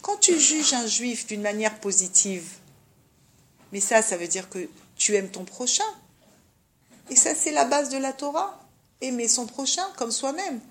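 Higher-voiced woman teaching a religious lesson. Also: expressive, unhurried. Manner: French peppered with Hebrew terms; didactic, frequent check-in questions.

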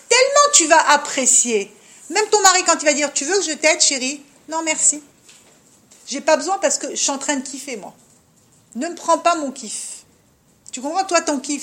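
A woman teaching a religious class for women, speaking straight to her listeners and scattering Hebrew terms through her lively lesson. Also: sits high.

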